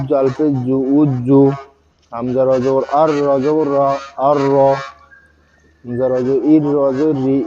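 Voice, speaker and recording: Male student, dark flat voice, slow drill reading over lo-fi call audio. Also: mid-range voice. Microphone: video call.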